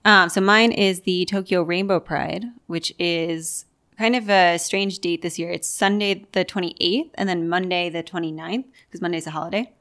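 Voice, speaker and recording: A woman's voice: fairly low pitch, steady tone, moderate pace, fairly bright tone. A woman co-hosting a casual podcast chat, upbeat and saying "like" a lot. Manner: upbeat, frequent "like". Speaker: podcast co-host.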